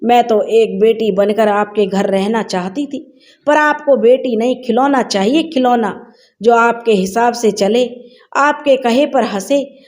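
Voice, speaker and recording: A woman's voice: on the high side, a little mellow, natural voice. A woman voicing a bitter young wife who accuses her family through tears, told in a storybook reading. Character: angry young wife leaving her in-laws.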